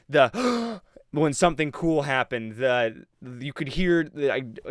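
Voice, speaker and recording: A man's voice: medium pitch, fairly bright tone, clean tone, no echo, clean studio sound. A man giving a rambling, sarcastic movie review, acting out the audience's reactions as he goes. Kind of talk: casual commentary.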